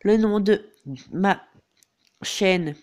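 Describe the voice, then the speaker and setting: Speaking very slowly in a high, darkish, clear and resonant voice, a congested teenage boy talks viewers through a game tutorial on screen. The gaming YouTuber hesitates constantly, padding his speech with fillers and saying "donc voilà" over and over.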